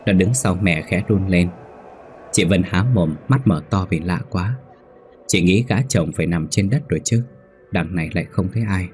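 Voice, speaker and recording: A man narrating a ghost story in a steady storytelling manner. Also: sits low, a little hiss or hum.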